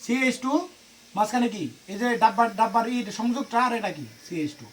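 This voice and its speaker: A man's voice: extremely high pitch, moderate pace, slight background noise. A man, tutoring students in an informal lesson and quizzing them with constant questions. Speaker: private tutor.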